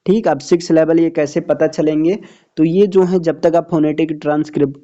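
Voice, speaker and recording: A man's voice: a little high, mellow. A man teaching a phonetics lesson, reading English lines and explaining them in Hindi, often checking whether students follow. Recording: dull lo-fi sound.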